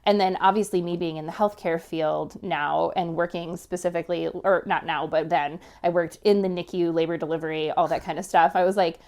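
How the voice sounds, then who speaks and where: A woman in her thirties, a podcast guest telling a personal story in a casual, animated way, laughing often and filling with "like". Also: lowish voice, a little fast, hardly any pauses.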